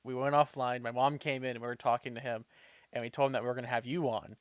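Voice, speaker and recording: A man's voice: medium pitch, flat delivery, fast talker, smooth, no echo. Eager young male podcast host. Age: young adult. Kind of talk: casual interview conversation.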